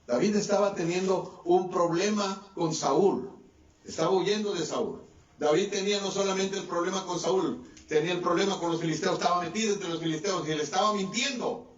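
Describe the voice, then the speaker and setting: A man, a pastor preaching a sermon, swinging between a raised and a lowered voice. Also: normal speed. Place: church hall. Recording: distant echoey church mic, dull sound.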